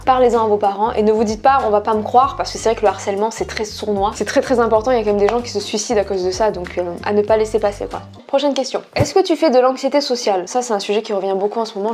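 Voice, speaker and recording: A woman's voice: medium pitch, darkish tone. A woman talking casually to her viewers while eating a meal, mukbang style, answering questions. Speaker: mukbang vlogger. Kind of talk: casual chatty Q&A to camera.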